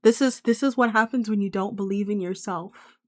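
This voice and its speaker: A woman's voice: mid-range voice, fairly quick, no echo, clean studio sound. A woman streamer doing a game playthrough, talking animatedly and straight to her viewers. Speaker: virtual streamer reading a game aloud.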